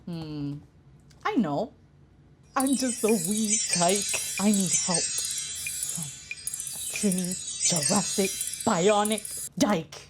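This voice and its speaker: A woman's voice: medium pitch, takes it slowly, long pauses, noisy background. A woman raised in Singapore, chatting playfully and laughing during a cooking lesson. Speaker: cooking guest. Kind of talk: casual cooking show chat. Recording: music bed behind.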